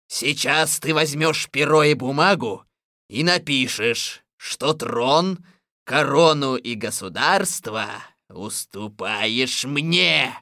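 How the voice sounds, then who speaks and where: A man voicing a booming imperious sorcerer-king. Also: lively intonation, slow pace, no echo, studio quality, full character voice. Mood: commanding. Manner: loud, imperious, booming commands. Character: gleeful domineering immortal sorcerer king, male. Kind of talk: storybook reading.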